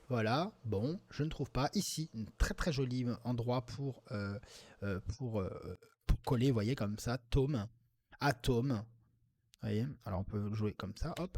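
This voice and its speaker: A man thinking aloud as he plays Scrabble, quietly muttering through possible words and breaking into sudden excited outbursts when he finds a good one. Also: medium pitch. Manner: mutters word tries half to himself, with sudden excited outbursts. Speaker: Scrabble player commenting on his game. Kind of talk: thinking aloud while playing.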